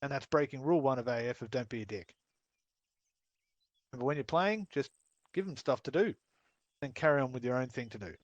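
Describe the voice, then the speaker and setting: Aussie male instructor, mid pitch, dry headset sound, sweary and blunt teaching style. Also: brisk, long pauses, no room sound, dull audio. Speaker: training instructor. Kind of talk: casual voice-chat instruction.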